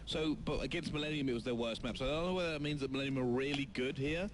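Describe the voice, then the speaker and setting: A man chats through the match as an esports co-caster, talking quickly. His delivery is relaxed and a little rambling. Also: medium pitch, noisy background. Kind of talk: casual esports commentary.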